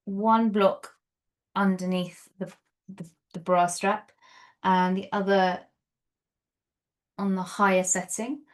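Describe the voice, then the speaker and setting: A middle-aged woman, guiding a yoga and meditation class in a gentle, unhurried way with soft pauses. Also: medium pitch, level tone. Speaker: yoga teacher. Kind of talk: guided yoga and meditation instruction.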